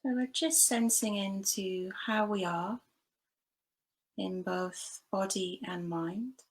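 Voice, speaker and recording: A meditation teacher guides a body scan, her instructions gentle and unhurried, with long pauses between phrases. She speaks at a medium pitch, and the recording quality is low.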